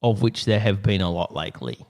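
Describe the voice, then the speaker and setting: A man co-hosting a comedy podcast from an office, chatting quickly and laughing often. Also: lowish voice, lively intonation, vocal fry, darkish tone. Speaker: podcast co-host. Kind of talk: casual comedic chat.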